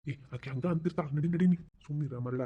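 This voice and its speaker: A woman's voice: low-pitched, brisk, breathy edge, narrow, tinny audio. A woman voicing an indulgent, playful old grandfather who speaks in a teasing, conspiratorial way, with a Dharwad Kannada accent.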